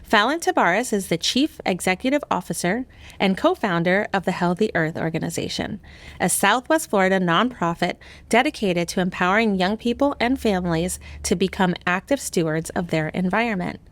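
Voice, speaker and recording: A woman's voice: medium pitch, animated, normal speed, no echo. A woman hosting a podcast, reading an intro and interviewing a guest in an upbeat, encouraging way. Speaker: podcast host. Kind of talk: scripted intro then casual interview.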